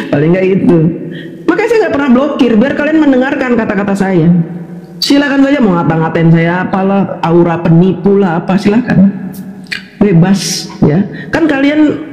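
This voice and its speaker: A woman's voice: medium pitch, warm tone. Indignant older woman, echoey room. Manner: indignant, fires rhetorical questions, laughs mockingly. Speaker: livestream commentator. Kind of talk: casual combative monologue. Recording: echoey room with long reverb.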